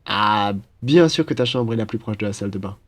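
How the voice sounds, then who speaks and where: Pitching his voice lower than his own, a young man talks fairly quickly in a lowish register. The part is an upbeat, cheeky student roommate in a casual, friendly French roleplay, played with playful slang and enthusiasm.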